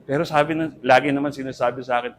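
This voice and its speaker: An older man, a Filipino pastor, preaching earnestly in Tagalog-accented English and Tagalog, swinging from loud emphasis to soft asides. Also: medium pitch, fairly even intonation, racing, slight background noise. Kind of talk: sermon.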